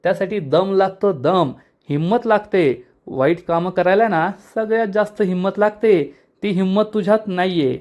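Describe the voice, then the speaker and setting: A man's voice: sits high, moderate pace, a little mellow, pitched above the performer's own voice, lightly acted. A man voicing a scheming middle-aged villain who mocks his older brother in a taunting, sing-song way.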